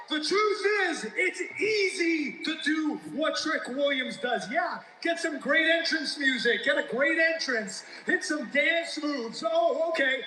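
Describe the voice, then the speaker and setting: A man's voice: very high voice, sharp tone. A man, a pro wrestler, giving a dramatic, intense promo in the ring and breaking into laughter. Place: arena ring. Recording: echoey arena broadcast with noise.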